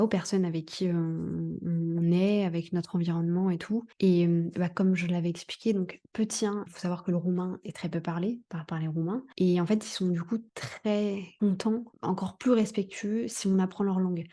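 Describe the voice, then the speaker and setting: A woman's voice: on the low side, dark tone. A young woman from France talking casually in a monthly review vlog, chatty and full of fillers and slang. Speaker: vlogger.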